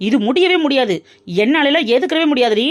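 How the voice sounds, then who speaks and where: A young adult woman does cartoon voice acting as Muthu, the playful, dramatic best friend of a young woman. Her high-pitched voice is animated and quick, with a teasing, dramatic, chatty manner.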